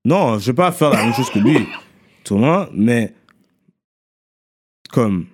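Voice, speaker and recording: A man's voice: mid-range voice, lively intonation, takes it slowly, darkish tone, a little hiss or hum. Slangy man chatting about rap. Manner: slangy, mixes English into French, repeats himself. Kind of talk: casual chat about rap.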